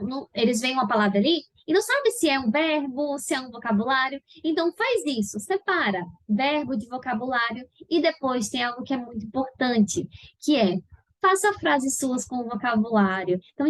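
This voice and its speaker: A high-voiced woman with a Brazilian Portuguese accent, teaching in a patient, didactic way. She keeps checking that her viewers follow along. The recording is close and dry. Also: no room sound. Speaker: English teacher. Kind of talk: video lesson explaining study steps.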